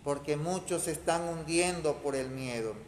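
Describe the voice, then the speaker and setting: A man's voice: a little high, normal speed, a little hiss or hum. A man preaching a homily at mass, emphatic and repeating his key phrases. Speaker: priest. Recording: echoey church reverb.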